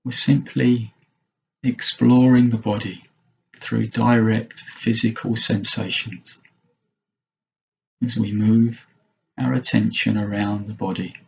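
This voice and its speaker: A meditation teacher with a low, creaky voice leads a mindfulness practice, gently offering short phrases with long pauses and little pitch movement. The audio sounds dull and a bit muffled, with slight background noise.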